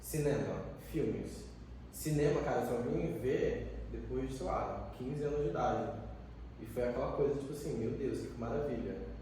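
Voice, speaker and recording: A youth educator in his 20s chats casually at normal speed, his medium-pitched voice mellow, earnest and reflective with frequent fillers. There's a little hiss or hum, and the distant mic leaves the room sounding echoey.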